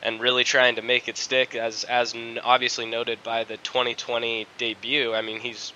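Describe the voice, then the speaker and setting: A man's voice: mid-range voice, moderate pace, lo-fi sound, slight background noise. A man co-hosting a casual sports podcast, nasal and congested from a cold, talking with lots of ums. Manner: relaxed, filler-heavy delivery. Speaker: podcast co-host.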